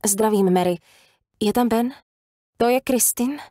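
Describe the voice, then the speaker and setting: A fussy, effusive receptionist, voiced by a woman reading an audiobook, pitched up and sugary. She gushes over the caller with a motherly fuss. The sound is close and dry. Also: mellow, dry recording, lightly acted. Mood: gushing. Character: gushing middle-aged female sheriff's receptionist.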